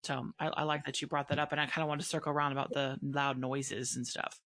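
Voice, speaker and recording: A woman's voice: a bass voice, flat delivery, quick pace, fairly bright tone. A woman hosting a casual conversation, talking earnestly and emphatically and thinking aloud as she goes. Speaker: podcast host and dog breeder.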